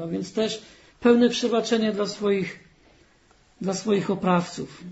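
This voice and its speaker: A man delivers an earnest sermon in church, reading scripture and pressing hard on the key phrases. His voice sits fairly high. The recording is dull and lo-fi. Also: darkish tone. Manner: earnest, rising to emphatic stress on key phrases. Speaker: preacher.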